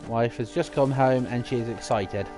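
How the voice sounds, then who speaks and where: Man, young adult, chatty live streamer, middle pitch, faint background music. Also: moderate pace, mellow. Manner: chatty, rambling, reads out viewer messages. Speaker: livestreamer. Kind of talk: casual live-stream chat.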